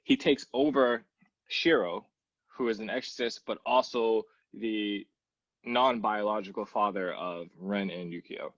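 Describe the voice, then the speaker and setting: Male podcast host, lower pitch, slightly dull dry recording, relaxed and hesitant delivery. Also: measured pace, dry recording. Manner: relaxed, steady storyteller with many "um"s. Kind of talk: casual podcast chat.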